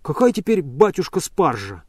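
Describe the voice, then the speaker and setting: Man doing a shrewd servant woman, brisk, practical, raised pitch, dry storybook read. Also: very animated, a little mellow, breathy edge, no echo.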